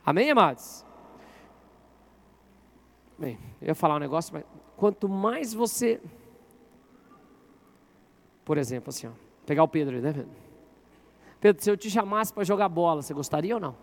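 A man's voice: fairly high pitch, lively intonation, moderate pace, creaky, long pauses. A man preaching as a pastor to his congregation, constantly asking them questions and getting them to speak to their neighbors. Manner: interactive, asks the congregation questions. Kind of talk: sermon. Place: church.

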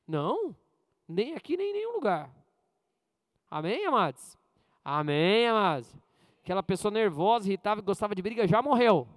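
Here a man preaches in an informal style, telling jokes and personal stories, asking the congregation questions, and moving between booming high bursts and hushed asides. His sing-song speech runs at a moderate pace with frequent pauses, and the recording has no room sound.

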